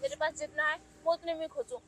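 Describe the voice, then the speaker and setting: A woman's voice: extremely high pitch, expressive, fast talker, a bit bright. A young woman playing a poor, earnest young woman who reproaches her ex-boyfriend in a web skit. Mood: reproachful. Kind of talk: Hindi web skit acting.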